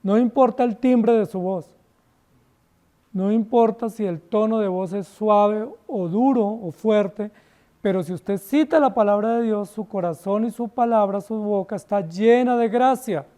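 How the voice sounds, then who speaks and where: A Colombian man preaches in a church, his voice pitched high yet soft and dark in tone. He is emphatic and keeps turning to the congregation with rhetorical questions. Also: unhurried. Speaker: pastor. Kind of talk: sermon.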